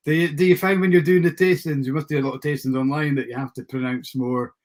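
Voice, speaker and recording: A man with a Scottish accent hosting a casual chat show in an informal, slightly halting way. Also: on the high side, steady tone. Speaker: livestream host.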